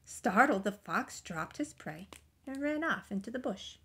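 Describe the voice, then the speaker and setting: A woman reading a children's picture book aloud, gentle and expressive, often dropping into soft whispers. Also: on the high side, a little slow, breathy edge. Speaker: storybook reader.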